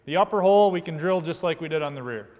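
A man's voice: fairly high pitch, quick pace, in a large hall, very noisy. A man in his thirties giving scripted, methodical step-by-step installation instructions in a workshop studio. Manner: steady, methodical step-by-step explaining. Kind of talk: scripted how-to narration. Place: large indoor workshop studio.

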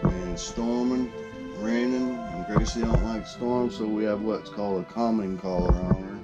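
A man's voice: lowish voice, fairly even intonation, normal speed, lo-fi sound. A middle-aged man, talking casually into a handheld camera in a camper. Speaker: vlogger. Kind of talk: casual vlog narration. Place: camper and campsite in a storm. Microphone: handheld action camera. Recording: music playing underneath.

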